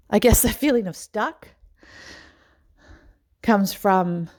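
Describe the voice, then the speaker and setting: A woman's voice: mid-range voice, a little mellow. Musing, rambling middle-aged woman. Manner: musing, rambling, with sighs and pauses. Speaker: life coach. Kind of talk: personal reflective monologue.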